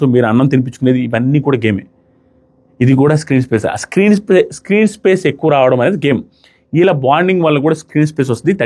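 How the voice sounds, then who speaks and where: A man giving a casual, animated spoken review of a reality show, rapidly recapping and quoting what others said. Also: fairly high pitch.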